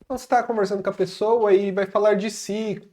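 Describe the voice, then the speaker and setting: A man co-hosting an English lesson, giving example sentences and saying them slowly and carefully as models to repeat. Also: sits high, steady tone, darkish tone. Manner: slow, careful model pronunciation of example phrases. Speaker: English teacher, co-host. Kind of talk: casual online language lesson.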